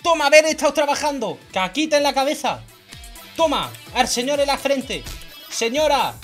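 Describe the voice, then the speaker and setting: A high-voiced woman with a Spain Spanish accent commentates on a video game. She gets excitable, shouting and laughing as she plays. Soft game music hums behind her. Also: normal speed. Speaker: gaming youtuber.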